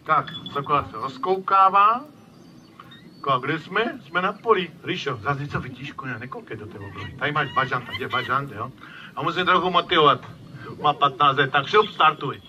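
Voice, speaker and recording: Lively man commentating a falconry show. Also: a little high, dull audio, slight background noise. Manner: lively, addresses crowd, frequent tag questions. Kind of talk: live outdoor show commentary. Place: outdoor field at a bird show.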